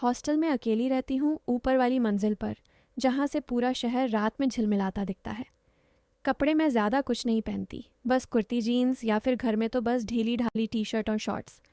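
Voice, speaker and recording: Soft-spoken young woman telling a romantic story. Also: fairly high pitch, steady tone, normal speed, no room sound, clean studio sound. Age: young adult. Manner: soft, confiding, intimate. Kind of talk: first-person romantic story narration.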